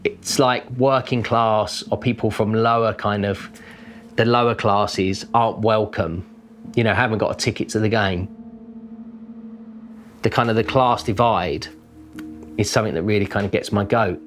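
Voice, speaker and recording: With soft background music behind him, a London-accented working-class painter gives a thoughtful, informal documentary interview, leaning on "kind of" as a filler. He speaks at a moderate pace in a fairly low, steady voice, pausing often.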